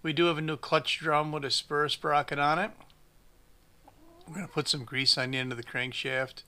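At his workshop bench, a small engine mechanic in his forties walks through a chainsaw repair, speaking plainly, with dry humor, and thinking aloud. His voice is on the high side, pushed and bright, with fairly even intonation and a moderate pace.

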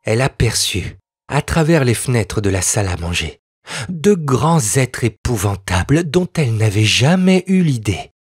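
A man narrating an old children's tale in an expressive, lilting reading voice with a husky tone. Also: mid-range voice, moderate pace, no echo, studio quality. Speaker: audiobook reader. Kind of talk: scripted storybook narration.

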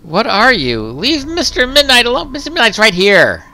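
A man voicing a frightened, pleading little girl in a game let's-play, high and shrill as if close to tears. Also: huge pitch swings, normal speed, bright, forceful tone, slight background noise, exaggerated voice.

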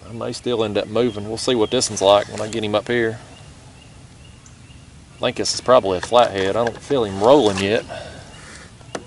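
Here a young male fishing vlogger drifts on a foggy river in his kayak, chatting to a mounted action camera while he fishes. The voice runs low with vocal fry, and his talk is laid-back and chatty, full of drawled "y'all" and "ain't". Outdoor river sounds are faint.

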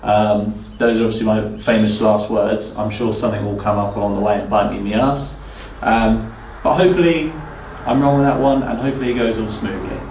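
A man's voice: fairly low pitch, a little fast, hardly any pauses, a little hiss or hum. UK man in his thirties, casual renovation vlogger, roomy echo, mic a little distant. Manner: relaxed, thinking aloud with many ums. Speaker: property renovator. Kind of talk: casual walkthrough vlog. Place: empty house, bare indoor rooms. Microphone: camera mic at a distance. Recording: echoey empty rooms, slightly distant mic.

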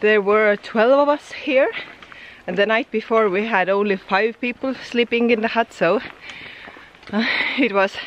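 A hiking vlogger with a higher-pitched voice chats casually to camera outdoors on a mountain trail, speaking a little slowly. She's easygoing and often laughs between remarks. The audio is dull, with slight background noise.

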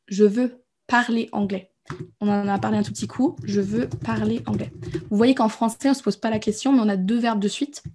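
Mellow-voiced woman teaching English casually. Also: mid-range voice, husky. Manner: casual, encouraging, chatty explanations. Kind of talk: live online English lesson.

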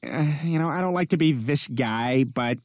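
An actor playing a loud, clueless suburban dad in a blustering, childishly blunt way in an animated sitcom. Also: male voice, mid-range voice, normal speed, dry recording, clean studio sound, natural voice. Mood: awkwardly complaining.

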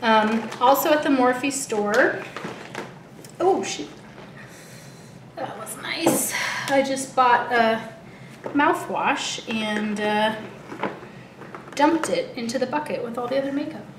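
A woman's voice: fairly high pitch, slow, long pauses. Breathless American woman vlogging in echoey room. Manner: chatty, informal. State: out of breath, heavily pregnant. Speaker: beauty vlogger. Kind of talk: casual chat to camera. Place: living room at home, indoors. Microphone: camera a short distance away. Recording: roomy echo, light background noise.

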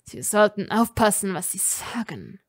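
A woman's voice: mid-range voice, sing-song, measured pace. A woman reading a scornful hot-headed young man. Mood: angry. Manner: scolding, sneering.

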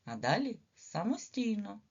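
A woman with a Ukrainian accent giving a slow early reading lesson to small children, drawing out each sound and syllable. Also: mid-range voice, big pitch swings, vocal fry, darkish tone, breathy edge. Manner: slow, sing-song, drawn-out sounds for children. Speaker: preschool teacher. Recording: slightly dull lo-fi recording.

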